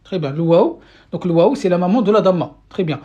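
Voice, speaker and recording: A woman with a low, dark, expressive voice teaches Arabic in French on a live stream, speaking briskly over a phone or webcam mic that cuts off the highs. Her questions to viewers are patiently repeated, amid many fillers and restarts.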